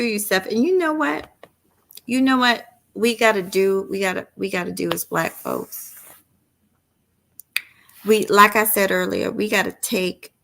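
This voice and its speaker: A woman's voice: mid-range voice, vocal fry, a bit bright. A middle-aged woman hosting a casual late-night livestream. She talks straight to her viewers, reads their comments aloud and gives firm opinions. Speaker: livestream host.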